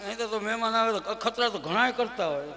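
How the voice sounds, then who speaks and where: A man from Gujarat telling a devotional story as a sermon, lively and acting out the people in it. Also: high-pitched, fast, in a large hall, over music. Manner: lively storytelling, acts out characters, loud swings. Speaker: religious storyteller.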